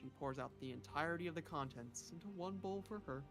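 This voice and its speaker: Tabletop player describing what their character does, middle pitch, calm, music playing loud behind. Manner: measured, descriptive third-person narration. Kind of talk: narrating own character's actions in a tabletop game.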